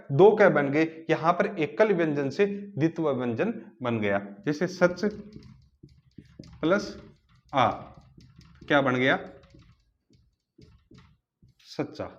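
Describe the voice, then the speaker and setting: A man teaching a grammar lesson who asks rhetorical questions and spells words out slowly, piece by piece. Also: on the high side, lo-fi sound. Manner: asks the class rhetorical questions then answers.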